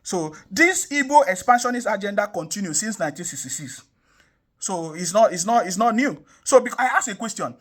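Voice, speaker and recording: Fairly quick and a bit bright, his high-pitched, animated voice drives impassioned political commentary. The speaker is a young adult Nigerian man from the South South working as an online commentator; he is emphatic, repeats himself, and asks many rhetorical questions.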